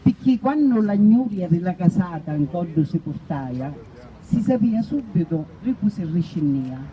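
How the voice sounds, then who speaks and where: A woman's voice: fairly low pitch, animated, moderate pace, dark tone, rough recording. A woman with a Sicilian accent casually explaining local customs, slipping into Italian dialect as she talks.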